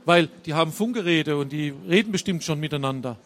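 A man's voice: a little high, expressive, a little fast, natural voice. A man voicing a tough woman police lieutenant on the run, talking urgently. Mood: worried. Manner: urgent, clipped.

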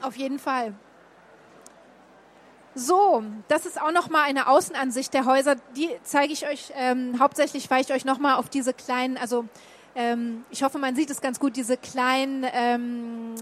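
A woman's voice: sits high, fairly even intonation, a little slow, a little hiss or hum. A woman from Berlin chatting casually as she shows slides, with many fillers and restarts. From Berlin, Germany. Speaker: guest telling of a stay in Japan. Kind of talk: casual talk showing slides.

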